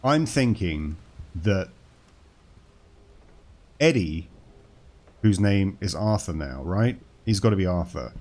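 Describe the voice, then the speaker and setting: A man's voice: low voice, expressive, slow, pauses often, a little mellow. A man casually commenting on a horror game as he plays, joking and talking to the game's characters. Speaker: gaming channel host.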